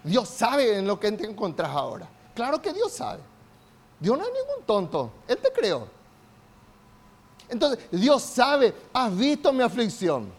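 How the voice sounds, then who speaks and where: High-voiced preacher. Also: male voice, huge pitch swings, a little slow. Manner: call-and-response preaching, builds to shouts. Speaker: pastor. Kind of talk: sermon.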